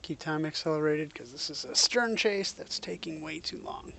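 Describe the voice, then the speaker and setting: A man's voice: a little high, moderate pace, vocal fry, sharp tone. A man streaming a game, giving casual commentary mixed with spoken commands.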